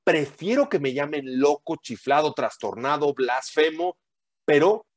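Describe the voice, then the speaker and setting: A man's voice: fairly high pitch, lively intonation, unhurried, dry recording, studio quality. A man giving a teaching sermon to a group, emphatic and full of rhetorical questions and tag questions.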